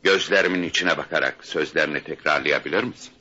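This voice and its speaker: An actor playing a calm, commanding elderly male spiritual guide who speaks slowly and soothingly with quiet authority. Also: a little hiss or hum, exaggerated voice. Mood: calm probing. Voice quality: gravelly, deep. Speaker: radio drama actor. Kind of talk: 1970s-style Turkish radio theatre acting. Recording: muffled archival radio recording.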